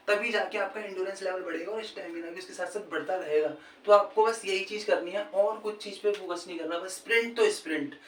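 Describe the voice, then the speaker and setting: His voice sitting high and fairly bright, a man offers casual cricket fitness pointers in a vlog, peppering them with "brother" and "okay" checks. Echo, distance, and faint noise color the recording, where a TV match plays faintly in the background.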